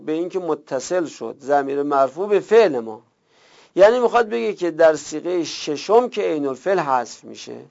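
A man teaching a grammar class. He reads a text slowly, explains it quickly, and drills word forms in lists. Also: a little high. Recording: dull lo-fi recording.

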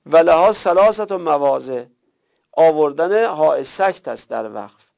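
Man, classroom grammar lesson, rough gravelly tone, muffled lo-fi recording. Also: fairly high pitch, lively intonation, a little mellow. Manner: reads Arabic text aloud then explains it in colloquial Persian. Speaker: teacher of Arabic grammar. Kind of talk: seminary-style grammar lesson. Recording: dull lo-fi recording.

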